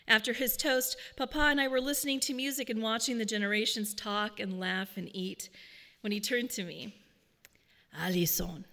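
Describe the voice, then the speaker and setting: A woman gives an earnest, measured talk, weaving personal stories into her points. Her voice is bright and forceful. A long reverb trails behind her, as in a large hall. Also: fairly high pitch, fairly even intonation. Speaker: speaker.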